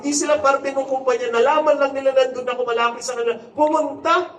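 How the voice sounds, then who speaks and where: A man's voice: very high-pitched, fairly even intonation, fast talker, echoey room, distant mic, poor audio. A man in his forties giving a humorous, inspirational stage talk as a motivational speaker and author. He acts out quotes and moves between jokes and earnest appeals. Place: large hall before a live audience.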